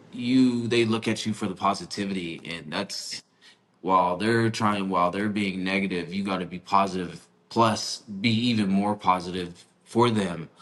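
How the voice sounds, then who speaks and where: A man's voice: deep voice, fairly bright tone. A man hosting a podcast interview in a casual, slangy way, often repeating words and restarting his sentences. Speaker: podcast host.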